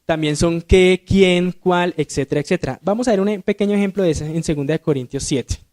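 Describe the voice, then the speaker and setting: A man's voice: high-pitched, a little fast, darkish tone. Spanish-speaking deacon quizzing his class. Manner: asks the class questions and answers them himself; reads verses aloud with rising emphasis. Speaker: deacon teaching Sunday school. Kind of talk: Sunday school grammar lesson. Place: church classroom.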